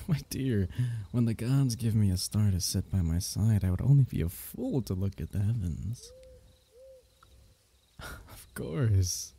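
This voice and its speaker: For an ASMR roleplay, a man plays a fond fantasy court diviner in a full character voice that is low, very dark, and mellow, edged with gravelly fry. His courtly, teasing phrases come out haltingly and softly, broken by gentle chuckles.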